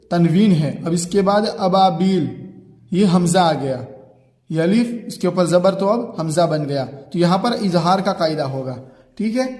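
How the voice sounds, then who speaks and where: A man teaching a Quran reading lesson. He explains a rule, recites the example words slowly and checks in with the learner. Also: high-pitched, a little mellow. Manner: asks "ठीक है?" to check the learner. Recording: echoey room with long reverb.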